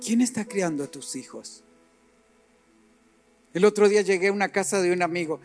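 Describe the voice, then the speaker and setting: A middle-aged male preacher delivers a sermon in a high voice, swinging between quiet asides and forceful, emphatic peaks. He acts out short exchanges as he goes. Soft music plays faintly underneath. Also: moderate pace. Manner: animated, acts out dialogue and rises to emphatic peaks.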